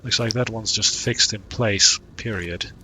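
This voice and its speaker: A man's voice: lowish voice, a little slow, sharp tone, slight background noise. A man streaming a puzzle game, thinking aloud in a casual, muttering way as he works through it. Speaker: gaming streamer. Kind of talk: casual let's-play commentary.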